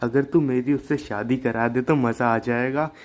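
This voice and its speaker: A man's voice: mid-range voice, steady tone, normal speed, lightly acted. A man voicing a drunken young village bully in a cartoon, taunting and laughing as he mocks a friend. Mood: mocking.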